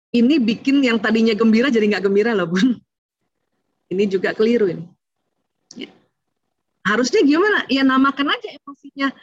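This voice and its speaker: A woman's voice: fairly high pitch, a bit bright, no echo, dull audio. A woman giving a chatty online talk on parenting to mothers, speaking to them directly and acting out what parents and children say.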